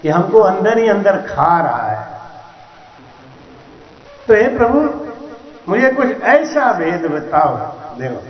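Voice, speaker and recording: A man singing devotional verses in long, drawn-out lines and preaching at a night gathering through a handheld mic. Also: high-pitched, roomy sound, highs cut off. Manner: slow drawn-out singing, then quick lively preaching to a crowd. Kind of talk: devotional singing and satsang sermon. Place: night gathering before a crowd.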